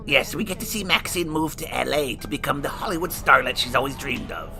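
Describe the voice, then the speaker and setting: With a brisk, expressive, medium-pitched voice touched by vocal fry, this actor hams it up as a snarky, burnt-faced horror host. The scripted review is jokey and sarcastic, and music plays beneath it.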